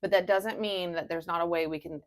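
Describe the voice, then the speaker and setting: A woman's voice: fairly low pitch, fairly even intonation, a little fast. A woman in her thirties, an ADHD coach, telling stories candidly in casual podcast chat. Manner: conversational, candid storytelling with many "like" fillers.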